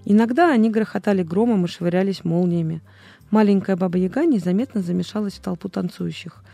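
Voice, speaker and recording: A woman's voice: medium pitch, brisk, creaky, warm tone, no room sound, soft background music. A woman narrating a storybook as an audiobook reader, reading expressively.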